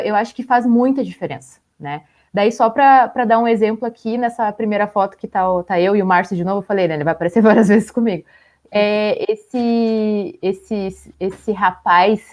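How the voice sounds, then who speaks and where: A young woman with a slightly high voice chats through photos on a live stream. She fills her talk with little laughs and loose, friendly fillers. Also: darkish tone. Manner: chatty, with many fillers and small laughs. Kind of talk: casual chat showing photos.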